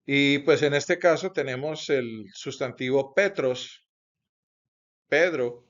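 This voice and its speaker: In this dull, lo-fi recording of a grammar lesson, a male teacher with a medium-pitched, slightly bright voice explains things slowly and carefully, leaning often on "pues" and "entonces."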